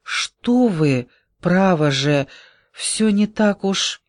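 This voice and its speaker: Man doing a gentle giant, tender, flustered, slow hesitant speech, dry close sound. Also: on the high side, dry recording, natural voice. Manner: slow, hesitant, breathless delivery.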